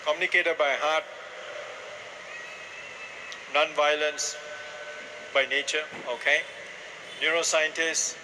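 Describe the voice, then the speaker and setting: A man moderating a live panel discussion, briskly summing up the guests' answers and posing questions. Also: fairly high pitch, level tone. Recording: noisy live event recording.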